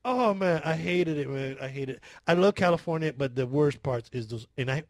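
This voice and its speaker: High, animated man telling a funny story. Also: normal speed, no echo, clean studio sound. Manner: animated, laughing, profane, acts out his own screams. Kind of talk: casual storytelling chat.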